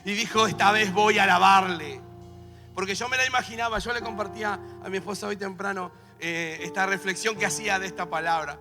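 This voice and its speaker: A middle-aged Argentine man preaching a sermon, with a Rioplatense accent, moving from quiet storytelling to shouted exhortation. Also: high-pitched, steady tone, quick pace, few pauses. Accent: Rioplatense Spanish. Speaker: pastor. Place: church. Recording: live church service with music underneath. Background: worship music.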